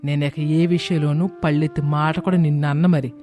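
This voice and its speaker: A man voices a stubborn, scornful mother-in-law in a cartoon moral tale, taunting and ordering others around in a scornful, challenging mood. His natural voice is fairly high and darkish, delivered flat and fast. Music plays in the background.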